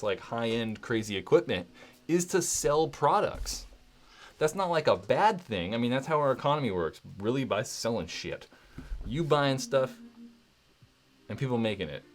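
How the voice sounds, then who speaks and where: A man's voice: mid-range voice, lively intonation, moderate pace. A man hosting a casual livestream from home, rambling and candid, filling his talk with "like" and "right?" and swearing now and then. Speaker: livestream host.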